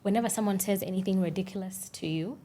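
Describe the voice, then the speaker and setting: A woman's voice: medium pitch, fast, mellow. A woman with a Kenyan East African accent, speaking emphatically and with assurance as a guest in a conversational interview. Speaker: interview guest, makeup artist.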